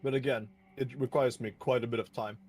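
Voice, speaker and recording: A man playing a tabletop game, talking in a measured, slightly formal way. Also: mid-range voice, fairly even intonation, a little mellow. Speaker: player. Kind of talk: casual tabletop chat.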